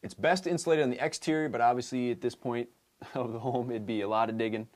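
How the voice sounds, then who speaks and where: A man in his thirties, an energy auditor, explains an on-site home inspection in a relaxed way, using lots of fillers. His mid-range voice moves fast, and the recording was made in the house's basement crawl space and attic.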